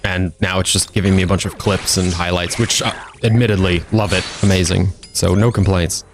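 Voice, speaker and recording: A man's voice: low-pitched, steady tone, a little fast, over music. A man streaming a video game, chatting casually and joking as he plays. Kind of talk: casual gameplay commentary.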